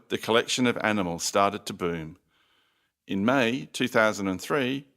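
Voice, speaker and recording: A man playing the announcer on a recorded phone message, giving scripted visitor information in a measured, formal, promotional way. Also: lowish voice, fairly bright tone.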